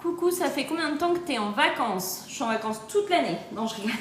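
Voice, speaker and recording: High-voiced chatty woman on a livestream. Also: animated, moderate pace, roomy sound, a little hiss or hum. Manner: chatty and upbeat, often laughing. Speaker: Thermomix sales adviser. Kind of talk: casual live-stream chat answering viewer comments. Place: on holiday, recorded in an echoey spot.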